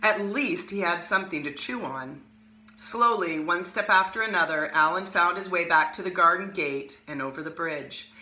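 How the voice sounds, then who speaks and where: A woman hosting an art lesson, reading a picture book aloud with expressive, animated storytelling and casual asides. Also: on the low side, moderate pace, few pauses, echoey room. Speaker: art teacher and host.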